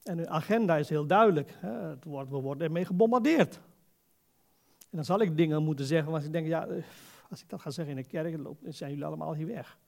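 Guy preaching a casual sermon, bit high pitched w lots of fry, keeps asking the congregation questions. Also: fast, a little mellow. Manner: exhorting, puts rhetorical questions to listeners. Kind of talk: informal, conversational sermon.

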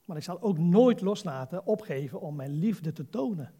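High, gravelly older male preacher. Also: expressive, normal speed, dark tone. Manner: earnest exhorting with rhetorical questions. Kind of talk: sermon.

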